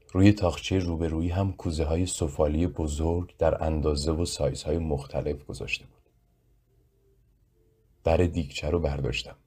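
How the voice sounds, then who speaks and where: A man narrating a story in a slow, measured, reflective way, with a husky voice. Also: extremely low pitch, mellow. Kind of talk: audiobook narration.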